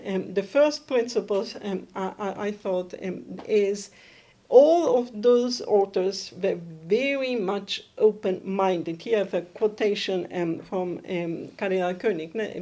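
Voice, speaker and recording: A woman from Austria, giving a conference presentation and often pausing to search for her words. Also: mid-range voice, dark tone. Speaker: academic conference speaker.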